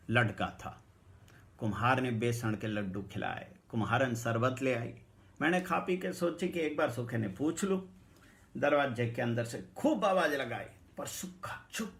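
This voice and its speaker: A man telling a folk tale, narrating quietly and getting loud when he voices the characters. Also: medium pitch. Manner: hushed narration rising to loud quoted dialogue. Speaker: storyteller. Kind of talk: dramatic storytelling.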